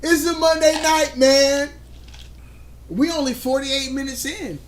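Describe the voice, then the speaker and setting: High-voiced tipsy man, loud banter. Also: fairly even intonation, a little slow, a little hiss or hum. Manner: loud, laughing, says he is drunk. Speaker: podcast co-host. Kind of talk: casual live-show banter.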